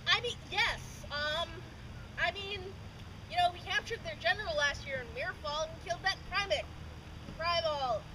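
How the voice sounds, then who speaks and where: A self-important, bumbling soldier acted by a woman boasts in comic renaissance faire style. The voice is high and cocky, blustering along. Clear outdoor noise surrounds it. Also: normal speed. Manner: cocky, blustering, hesitant when challenged. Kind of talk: comic live renaissance faire stage acting. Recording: outdoor live recording, clear ambient noise.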